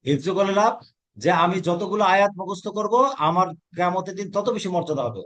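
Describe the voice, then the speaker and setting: A man leads a Quran reading class, firing questions at his pupils and repeating each answer so they say it back. His voice sits a little higher than most men's. He corrects their pronunciation one sound at a time. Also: lively intonation, a little fast, fairly bright tone. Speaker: Quran teacher. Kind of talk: teaching a class, call and response.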